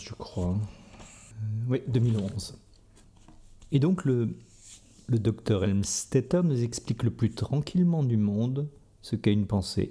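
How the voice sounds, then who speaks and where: A man with a warm, mellow voice hosts a spoken audio show about thoughts and energy. He talks calmly and conversationally, turning to his listeners directly. His pitch sits in an ordinary middle range for a man. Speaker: energy healer and podcast host. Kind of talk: reflective spoken talk.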